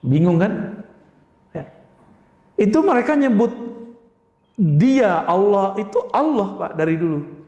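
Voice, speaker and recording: High-voiced preacher in an echoing hall. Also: male voice, very animated, slow pace, pauses often, dark tone, lo-fi sound. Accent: Indonesian. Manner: emphatic, rhetorical questions to the audience. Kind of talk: religious lecture to a congregation. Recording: echoey hall with long reverb.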